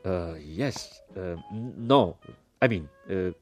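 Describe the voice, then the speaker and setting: A man's voice: sits low, a little slow, a little mellow, slightly rough, faint music behind. A man reading the part of a flustered American army general who stammers and hesitates.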